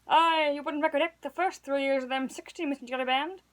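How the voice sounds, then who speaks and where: A woman voicing a doleful, pious male villager in his seventies, in slow rustic dialect. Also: high-pitched, steady tone, close to an everyday voice, poor audio.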